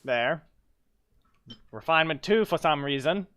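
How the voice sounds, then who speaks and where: With a fairly bright, a little high and animated voice, this streamer talks through gameplay at a measured pace, rambling, self-correcting and muttering to himself. Clicks and obvious noise run through the stream audio.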